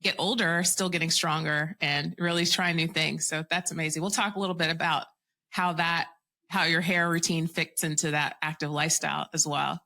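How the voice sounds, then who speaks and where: A woman hosting a podcast, talking with an enthusiastic, encouraging manner. Her voice sits low in pitch but has a bright, forceful edge. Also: fairly even intonation, moderate pace. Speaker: podcast host. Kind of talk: casual interview chat.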